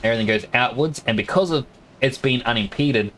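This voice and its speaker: This Australian man, accent blended with American, chats casually and explains at length during a game stream. He talks fairly quickly in a mid-range, slightly bright voice, though the audio is poor and carries slight background noise.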